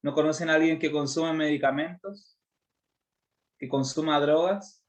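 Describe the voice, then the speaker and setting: Male preacher from Chile, slightly high voice, explanatory teaching tone with rhetorical questions. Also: fairly even intonation, moderate pace, highs cut off. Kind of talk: Bible study sermon.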